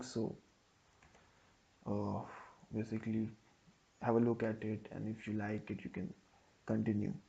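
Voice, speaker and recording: A man's voice: medium pitch, vocal fry, dark tone, highs cut off. A man hosting a coding tutorial, thinking aloud as he types out code step by step. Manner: slow, thinking aloud while typing code.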